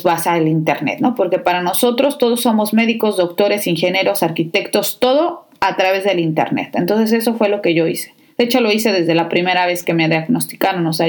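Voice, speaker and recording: A young woman hosting a podcast, telling her own story in a chatty, emotional way and talking straight to her listeners. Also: medium pitch. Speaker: podcast host. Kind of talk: personal storytelling.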